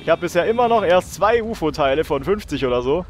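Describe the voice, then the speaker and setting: A man's voice: on the high side, lively intonation, fast talker. A young man hosting a let's play, joking and swearing in casual commentary while talking to his viewers.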